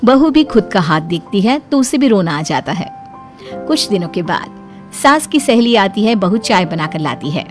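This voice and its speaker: A woman telling a cartoon moral story, her pitch swinging widely as she narrates. Faint music runs beneath her voice. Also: big pitch swings, normal speed.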